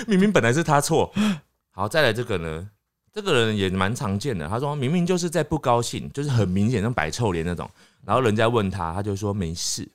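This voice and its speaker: Brief: Taiwanese-accented male co-host, quick, animated, plays out little quotes. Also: lowish voice. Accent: Taiwanese Mandarin. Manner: animated, acts out quoted lines. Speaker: podcast co-host. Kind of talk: casual chat.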